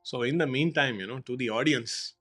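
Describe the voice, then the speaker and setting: A man hosting a live online session, talking in a halting way with many fillers. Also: medium pitch, fairly bright tone, faint music behind.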